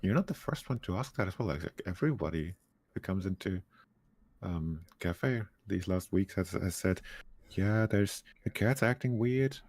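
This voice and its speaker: A man's voice: low-pitched, lively intonation, normal speed, a little mellow, no room sound. A man voicing a chatty young cafe worker with a put-on Turkish accent, rambling with many fillers. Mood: gossipy. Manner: rambling, hesitant, lots of fillers.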